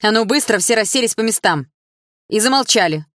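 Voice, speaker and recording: Shouting schoolteacher, put on by a woman, bossy, barking, raised pitch, audiobook. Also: expressive, fairly quick, dry recording, clean studio sound. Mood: furious. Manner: barking orders. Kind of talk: audiobook character voice.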